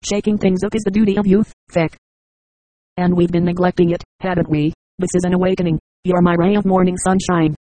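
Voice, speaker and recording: A woman's voice: lowish voice, flat delivery, a little fast, mellow, no room sound, close to an everyday voice, low-quality recording. A narrator voicing a sardonic teenage girl.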